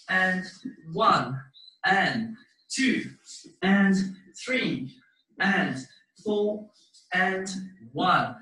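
A man with a high, sharp-toned voice runs a live online dance class from his living room, offering encouraging step-by-step instructions with hesitation in between. The laptop or webcam mic across the room gives a roomy, distant recording.

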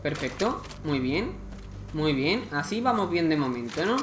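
A man with an accent from Spain, casually commenting on a game he plays, chatty and excitable with lots of slang. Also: fairly high pitch, a little slow, echoey room, background noise. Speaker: gameplay commentator.

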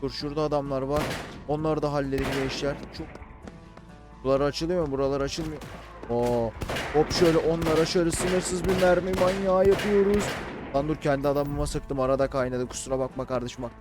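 A young man casually commentating a let's-play, chatty and slangy, shouting and yelping when fights get heated. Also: fairly high pitch, fairly quick. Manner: excitable, shouts and yelps during fights. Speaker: gaming YouTuber. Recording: game music and gunfire behind.

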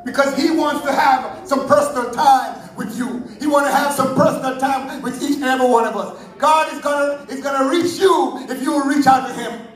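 Male preacher, very high voice, fervent sermon with shouted peaks, recorded far off in a booming church hall. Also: normal speed, soft background music. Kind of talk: Sunday sermon. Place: church sanctuary. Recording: very echoey church hall, heard from afar.

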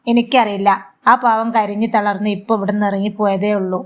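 A woman's voice: mid-range voice, level tone, brisk, natural voice. Woman reading a caring daughter-in-law, earnest and reproachful, Malabar accent, storybook. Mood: concerned. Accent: Malabar Malayalam. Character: kind, firm young daughter-in-law.

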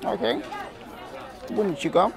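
A young food vlogger with a high-pitched, expressive, gravelly voice is filming a food review with a camera on his table outdoors at a restaurant terrace. He sounds enthusiastic and lets out exclamations as he tastes. Diners chat in the background.

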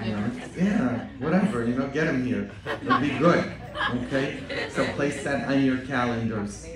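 Priest, middle pitch, preaching and joking with the pews, heard from afar in a very echoey church. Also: male voice, normal speed, far from the mic, over a noisy crowd, very noisy. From Poland. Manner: joking, bantering with the congregation, rising to loud exhortation. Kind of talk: Easter homily and parish announcements. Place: large church.

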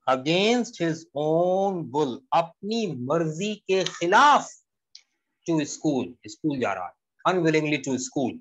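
A man giving a poetry lesson, explaining slowly and repeating key lines while switching between Hindi-Urdu and English. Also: mid-range voice, dull audio. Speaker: English literature teacher. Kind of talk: classroom-style poetry lecture.

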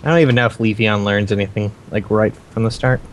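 A man's voice: on the low side, steady tone, quick pace, a little hiss or hum. A young man casually chatting and joking while playing a game with friends, often breaking into sing-song bits and swearing. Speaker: let's play host. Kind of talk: casual gaming chat.

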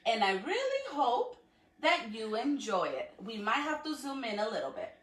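On the high side and a bit bright, her sing-song voice moves at a normal speed. A school educator reads to children on a livestream from her home living room, encouraging them and asking questions. She's picked up by a phone or camera a few feet away, so the audio is echoey and distant.

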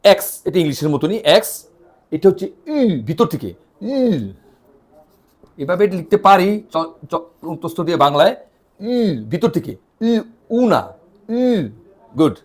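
Guy teaching a language lesson online, asks questions then answers them himself, voice jumps around a lot. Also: a little high. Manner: animated, spells letters out slowly with repeated drills.

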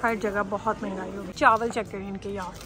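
Speaking fairly quickly in a mid-range, fairly even voice, this Pakistani woman vlogs her trip through a big indoor supermarket. She holds her phone camera in hand, reacts to the food and prices in casual chat, and background music plays over the clip.

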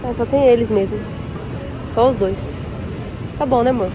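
This casual shopping vlog follows a young café owner through a large warehouse supermarket indoors as she compares prices aloud and chats with viewers. She speaks at normal speed in a slightly high voice over music, recorded on a phone at arm's length amid the store's noise.

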